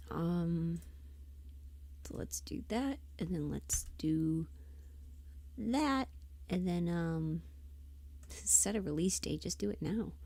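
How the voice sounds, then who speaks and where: A woman livestream host and voice performer chats casually, thinking aloud in a halting, self-deprecating way and often muttering to herself. Her voice is fairly low in pitch with a warm tone.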